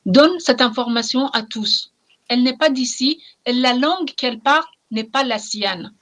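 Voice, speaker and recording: A middle-aged Iranian novelist, interviewed as a guest, speaks French with a clear Persian accent, a language she learned as an adult. Her voice is fairly high for a woman and a bit bright. Reflective yet passionate and emphatic, she pauses often and repeats phrases to press her point.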